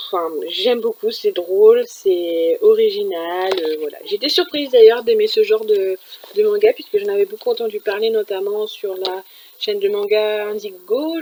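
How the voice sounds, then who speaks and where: A woman chats at home about what she has been reading, her talk loose and full of little fillers and restarts. Her voice sits at an ordinary middle pitch. A faint background noise runs under the recording. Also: darkish tone, rough recording. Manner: chatty, many fillers and restarts. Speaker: manga reviewer. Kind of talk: casual chat.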